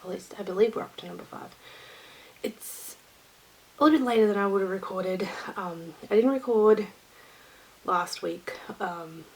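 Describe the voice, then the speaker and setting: A woman's voice: mid-range voice, normal speed, pauses often, low-quality recording. A woman hosting her own knitting vlog, talking to camera in a rambling, easygoing chat. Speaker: knitting vlogger.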